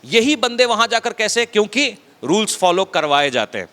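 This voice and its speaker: A man preaching a sermon as a pastor, talking conversationally and dropping his voice low to stress a point. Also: sing-song, moderate pace, bright, forceful tone, big-room sound. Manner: conversational preaching, acts out quotes, drops low for emphasis. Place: church hall.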